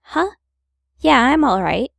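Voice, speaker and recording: A woman's voice: high-pitched, sing-song, slow, gravelly, no echo, studio quality. A woman hosting a gaming video, reading visual novel narration aloud with playful, wry casual asides.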